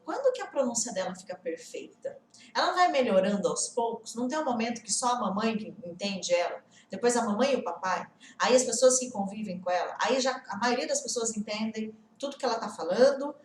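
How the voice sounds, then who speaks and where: A woman's voice: a little high, echoey room, slight background noise. A woman in her forties teaching an online English lesson in a chatty way, asking the viewer many rhetorical questions.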